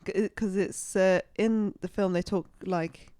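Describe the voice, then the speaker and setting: A young woman co-hosting a casual podcast, soft-spoken and trailing off, often giggling. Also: mid-range voice, fairly even intonation, measured pace, smooth, dry recording, studio quality. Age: young adult. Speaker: podcast co-host. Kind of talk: casual chat.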